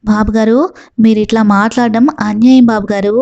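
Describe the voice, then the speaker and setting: A fearful, flattering male servant, read by a woman who fawns and pleads. The voice is mellow and slightly high. The audiobook recording sounds a little dull. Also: brisk, no room sound, lightly acted. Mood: fawning.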